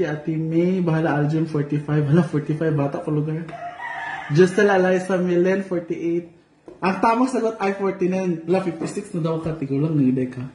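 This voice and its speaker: A man chats through a livestream, teasing his viewers and tossing out jokes as he reads their comments. His voice sits high for a man. The room rings with echo, and a faint noise runs underneath. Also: a little mellow. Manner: playful and teasing, joking asides. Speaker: vlogger reading live comments. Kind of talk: casual livestream chat.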